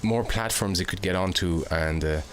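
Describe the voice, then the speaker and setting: Podcast host, man in his forties, with a deep, low-pitched voice. He talks in a relaxed conversational way, reflective and thinking out loud as he goes. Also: moderate pace, slight background noise. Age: 40s. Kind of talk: casual conversation.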